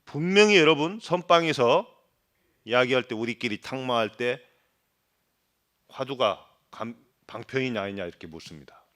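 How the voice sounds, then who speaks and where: Buddhist monk giving a lively dharma talk. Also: male voice, medium pitch, normal speed. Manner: asks the audience questions, imitates regional dialects; swings between loud emphasis and quiet asides.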